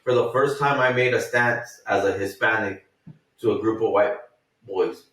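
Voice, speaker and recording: A man's voice: on the low side, moderate pace, far from the mic. Thirties man from the US, casual profane storyteller, roomy off-mic sound. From United States. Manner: profane, rambling, animated retelling with acted quotes. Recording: echoey room, off-mic.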